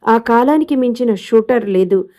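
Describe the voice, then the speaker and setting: A woman's voice: fairly high pitch, moderate pace, warm tone, lightly acted. A woman voicing a young wife in a storybook reading, speaking in a subdued, reflective way. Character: young wife, quiet and withdrawn.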